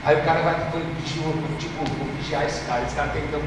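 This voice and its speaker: A Brazilian man preaching a sermon in church, moving from hushed storytelling to impassioned shouting. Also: a little high, fairly even intonation, fast talker. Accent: Brazilian Portuguese. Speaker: pastor. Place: church service. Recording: echoey hall from far off, noisy.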